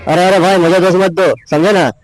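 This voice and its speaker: A man's voice: high-pitched, fairly even intonation, fairly quick, soft background music, voice pushed down, close to an everyday voice, poor audio. A man voicing a defensive, self-important school principal. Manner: huffy and defensive.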